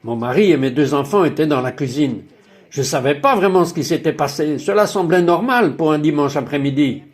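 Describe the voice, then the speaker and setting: Man, dubbed testimony narration, raised pitch, very lively intonation, exclaiming, awed. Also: brisk. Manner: emphatic, exclaiming, full of wonder. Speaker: voice-over narrator of a personal testimony.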